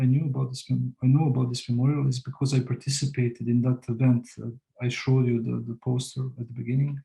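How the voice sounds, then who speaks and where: A man from Serbia presents his academic talk in a tired, halting way, stopping to restart his sentences again and again. His voice is dark and gravelly, with a flat, even pitch. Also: low-quality recording. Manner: halting, many restarts and fillers, low energy. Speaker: guest speaker.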